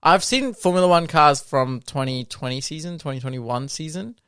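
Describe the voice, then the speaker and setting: A man's voice: a little high, expressive, normal speed, a bit bright, clear, resonant tone, no room sound, clean studio sound. A man co-hosting a car podcast, chatting casually and enthusiastically, rambling with fillers. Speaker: podcast co-host. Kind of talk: casual chat.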